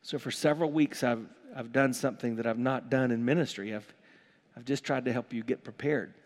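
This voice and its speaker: A middle-aged pastor preaching a sermon in a church, his voice swelling from quiet to loud. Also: mid-range voice, fairly quick. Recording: long hall reverb.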